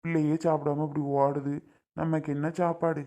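A woman's voice: sits low, flat delivery, normal speed, dark tone, pitched below the performer's own voice, natural voice. A woman doing a weary old village husband. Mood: resigned. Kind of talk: family skit acting.

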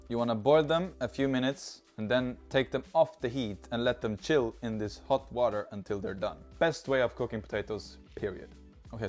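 In a home kitchen with the garden door open, a Swedish-accented man in his thirties hosts a casual cooking video, chatting cheerfully into a lapel mic as he handles food. His voice is mid-range and a little mellow.

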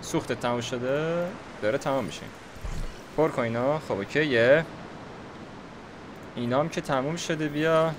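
A man's voice: medium pitch, long pauses, background noise. A young man giving casual, slangy gameplay commentary, chatting to himself as he builds. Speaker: gaming YouTuber.

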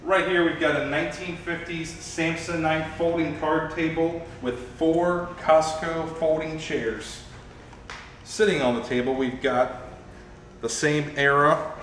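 A young man gives an upbeat walkthrough of auction items, his voice sitting a little high. The sound bounces around a large, echoey warehouse, with faint ambient noise underneath. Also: fairly even intonation, a little slow, fairly bright tone. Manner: upbeat item-by-item presenting. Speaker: auction host.

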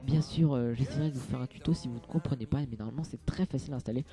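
A man's voice: mid-range voice, very fast, warm tone, faint music behind. A young man giving a casual, hesitant game tutorial, full of fillers and restarts. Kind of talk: casual screen-capture tutorial.

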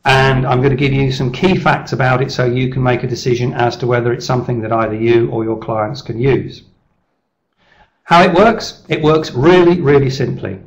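A middle-aged man giving a persuasive business presentation over slides on a webcam call, steady and measured with small restarts. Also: medium pitch, rough recording. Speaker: leadership speaker presenting his service. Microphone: webcam video call.

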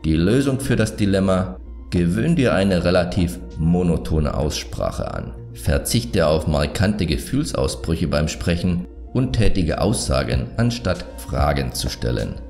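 Deep-voiced man with calm narration. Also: creaky, faint music behind. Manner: calm, measured, self-assured advice. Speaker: self-improvement video host. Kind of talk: scripted voice-over narration.

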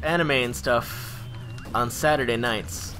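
A man's voice: medium pitch, slow pace, bright, forceful tone, soft background music. A young man chatting in a rambling, casual way while commentating a video game with a friend. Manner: rambling, chatty, full of likes and laughs. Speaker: gaming channel co-host.

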